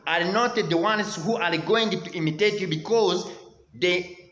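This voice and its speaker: A man's voice: sits high, unhurried, a bit bright, echoey room, lo-fi sound. A man from Rwanda with a Rwandan accent, teaching English and urging viewers on, calling them dear friends again and again. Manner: repetitive, exhorting, keeps saying dear friends. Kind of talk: motivational language lesson.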